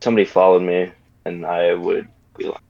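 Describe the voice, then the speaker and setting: Man, very low voice, tabletop player, matter-of-fact, dull dry home mic. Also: level tone, fairly quick, a little mellow. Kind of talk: casual tabletop play.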